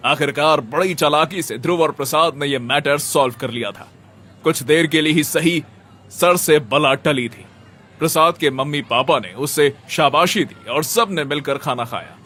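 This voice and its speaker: A man narrating a scripted audio story in a measured, dramatic way. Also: a little high, pushed and bright.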